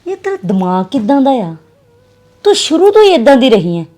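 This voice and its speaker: Fast-talking scolding Punjabi woman. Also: high voice, sing-song, warm tone. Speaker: actress playing a sister. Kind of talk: drama acting.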